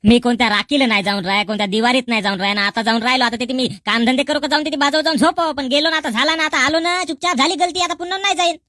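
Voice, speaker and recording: A woman's voice: sits high, racing, few pauses, pushed and bright, dry recording, clean studio sound. A woman playing a defiant young village daughter-in-law who snaps back at every jab. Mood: stubborn. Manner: argumentative, snapping back. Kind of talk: rural comedy skit.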